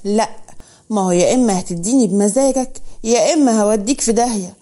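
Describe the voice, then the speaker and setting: A woman's voice: mid-range voice, quick pace, dark tone, close to an everyday voice. A woman voicing a scheming, haughty woman, cold and threatening in a storybook drama.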